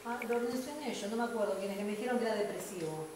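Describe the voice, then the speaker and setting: A woman's voice: mid-range voice, racing, a little mellow. Chatty woman from the pews, faint and distant in a reverberant church with audible noise. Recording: echoey church from far off.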